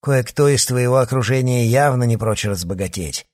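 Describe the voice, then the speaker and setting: A man voicing a spiteful, scheming adult witch woman, taunting with threats in a husky voice. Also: mid-range voice, normal speed, a little mellow, voice pushed up, close to an everyday voice. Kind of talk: audiobook character reading.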